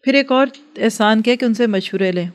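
A woman's voice: on the high side, brisk. A woman giving an earnest religious lecture to a class, advising and acting out everyday dialogues. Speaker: religious teacher.

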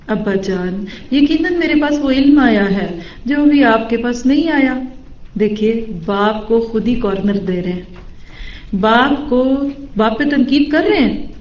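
A woman's voice: fairly high pitch, a little mellow. Female Quran teacher, lecturing tafsir with English asides, slightly dull and roomy recording. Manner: explains Arabic words, mixes in English terms; asks the listeners questions and answers them herself.

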